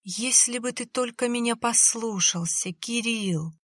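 A woman's voice: a little high, measured pace, fairly bright tone, no echo, clean studio sound, pitched above the performer's own voice. A woman voicing a dying young woman who speaks weakly and bitterly in a half whisper. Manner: weak, breathy, half-whispered.

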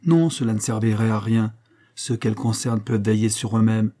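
A man reading an audiobook, voicing a proud, plain-spoken working man in a steady, earnest voice. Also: fairly low pitch, brisk.

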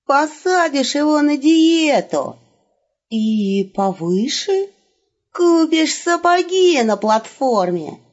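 A woman voicing a cunning, excitable male wolf who hisses and gloats, in an audiobook reading. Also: extremely high pitch, drawn-out words, muffled recording, pitched above the performer's own voice, heavily acted. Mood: snappy. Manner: hissing, hammy, gloating.

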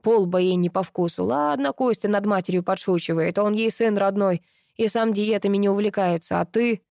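A woman reading an audiobook, voicing a grumpy, sharp-tongued female housekeeper with a creaky, blunt, scolding manner. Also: mid-range voice, normal speed, dry recording, clean studio sound, close to an everyday voice.

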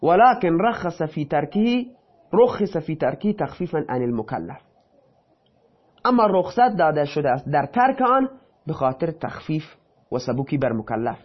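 A man with a somewhat high voice teaches a lesson. He reads a passage aloud, then explains it in loose, casual speech. The recording is dull and lo-fi. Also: big pitch swings. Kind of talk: reading and explaining a text.

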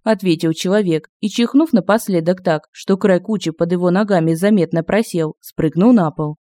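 A man narrating an audiobook in a lively, expressive reading. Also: high-pitched, moderate pace, dry recording, clean studio sound.

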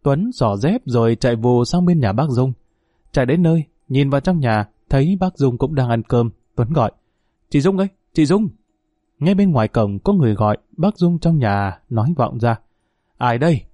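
Male audiobook narrator, measured, mellow, dry studio sound. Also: medium pitch, expressive, no echo, dull audio. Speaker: storyteller.

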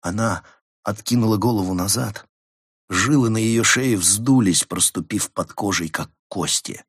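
A man reading an audiobook aloud in measured, dramatic scripted narration. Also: fairly low pitch, husky, no echo, clean studio sound. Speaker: audiobook reader.

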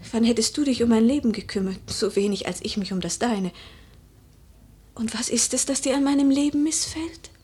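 Proud and cool, an actress voices a grieving young noblewoman, recently widowed, in a literary radio drama. Her fairly high, slightly mellow voice moves at a normal speed, breathy and solemn, frequently falling almost to a whisper.

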